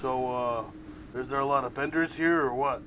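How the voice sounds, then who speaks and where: A man voicing a slightly high male lemur spirit in a tabletop game, with a laid-back drawl. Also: steady tone, normal speed, fairly bright tone, slight background noise, lightly acted. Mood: mellow.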